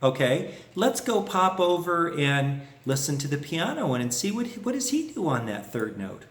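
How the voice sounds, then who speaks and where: A man's voice: a little high, sing-song, moderate pace, reverberant, a little hiss or hum. A man teaching a harmonica lesson in a folksy way, humming phrases on "na" to show them. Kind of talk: music lesson explanation.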